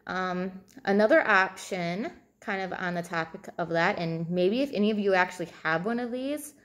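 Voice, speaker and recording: Seated at a table in a small room at home, a fitness and nutrition coach in her thirties gives informal advice to the camera. Her voice sits at medium pitch and moves at a moderate pace as she chats and thinks aloud.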